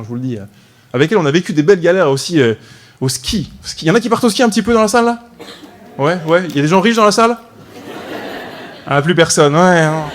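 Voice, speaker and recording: A man in his twenties performing a stand-up comedy routine, telling a story with frequent "ok?" asides to the audience. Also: medium pitch. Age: 20s. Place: comedy stage before a live audience.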